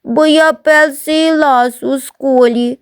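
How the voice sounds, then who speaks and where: A woman's voice: sits high, sing-song, slow pace, darkish tone, clear, resonant tone, pitched above the performer's own voice, full character voice. A woman voicing a small, naive village boy with a childish lisp, in a storybook reading. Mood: timid, tearful. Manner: childish lisping speech.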